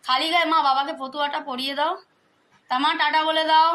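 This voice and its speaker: A woman's voice: sits high, fairly even intonation, fairly quick, bright, forceful tone. A woman vlogging at home, teasingly coaxing her relatives to speak up for the camera. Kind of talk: casual family vlog.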